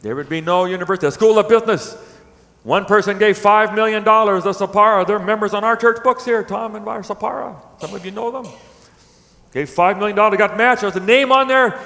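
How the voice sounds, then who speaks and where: High-voiced man preaching in a reverberant church. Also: fairly quick. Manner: dynamic preaching, swinging between loud emphatic peaks and hushed low lines. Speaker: pastor. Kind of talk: sermon. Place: church sanctuary.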